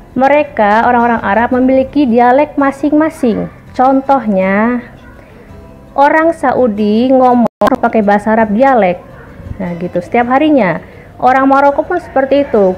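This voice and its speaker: A woman's voice: fairly high pitch, a little mellow. A woman vlogger talking casually to her viewers, explaining points one by one in a chatty way. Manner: chatty, addresses viewers as guys, lists points. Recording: muffled audio with faint background music.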